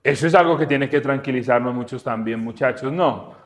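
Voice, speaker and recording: A man teaching the Bible in a relaxed, conversational way, asking his listeners questions and acting out little scenes. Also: mid-range voice, a little fast. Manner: animated, asks the audience questions, acts out dialogue. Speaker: preacher and podcast host.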